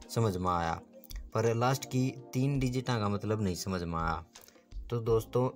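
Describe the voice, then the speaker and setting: Man, Haryanvi accent, casual folksy explainer, lower voice, faint music behind. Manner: folksy, repeatedly addresses listeners as friends. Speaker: host of an explainer channel.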